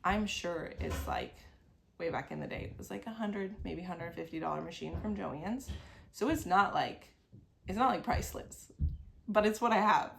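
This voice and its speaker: Her voice is fairly low and gravelly, at a normal speed, with slight background noise. She's in her thirties and has a cold that makes her sniffle while she hosts a crafting video podcast at her home sewing desk. The casual chat wanders and talks around things, stuffed with "like."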